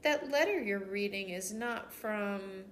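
An older woman reading aloud, voicing a worried, gentle aunt who asks anxious questions. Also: medium pitch, slow pace, a little hiss or hum, natural voice.

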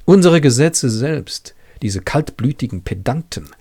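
A man's voice: medium pitch, lively intonation, unhurried, mellow. A man reading a passionate brooding young man. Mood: impassioned. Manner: impassioned, rhetorical.

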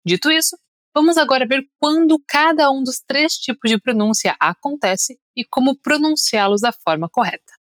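A woman's voice: high-pitched, normal speed, dry recording, clean studio sound. A young woman from Brazil with a Brazilian Portuguese accent, an upbeat pronunciation teacher on a podcast, leading listeners through drills. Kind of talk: podcast lesson.

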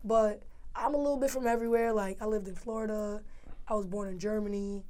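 A woman's voice: mid-range voice, fairly even intonation, fairly quick, dark tone. A young woman with a New York accent, a rapper talking casually as an interview guest, laid-back and full of slang, often asking "feel me?".

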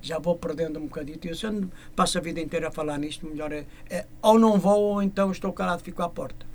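A man's voice: fairly high pitch, fast. A man from Porto with a northern Portuguese accent, a fado singer chatting in an interview, often repeating words as he searches for them. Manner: hesitant, repeats words and restarts, then recites verse. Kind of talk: casual interview chat.

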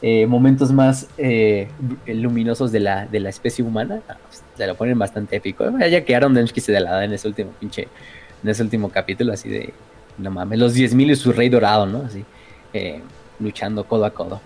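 A man with a Mexican accent, a streamer casually retelling game lore in an excitable, profane way, full of fillers and slang. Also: on the low side, fairly quick. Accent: Mexican Spanish.

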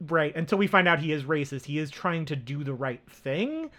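A man's voice: a little high, moderate pace, bright, forceful tone. A man co-hosting a film podcast, talking casually with lots of fillers and restarts. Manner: rambling, many fillers and restarts. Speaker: podcast co-host.

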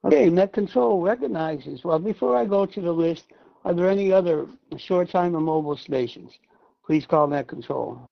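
Gravelly radio operator on fading shortwave. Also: male voice, a little high. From Massachusetts, USA. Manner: measured, formal on-air calling, spells call signs phonetically. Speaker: net control operator. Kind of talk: amateur radio net procedure. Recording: dull lo-fi radio sound.

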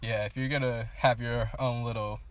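Man calmly explaining on a podcast. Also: medium pitch, normal speed. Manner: explanatory, lecturing, relaxed. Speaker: podcast co-host. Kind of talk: casual podcast chat.

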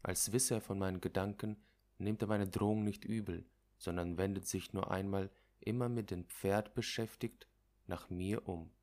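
A man with a very low voice reads a literary story aloud as its narrator. His pacing is measured and dramatic, and he lets the first-person tension build line by line. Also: steady tone, darkish tone. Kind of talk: literary audiobook reading.

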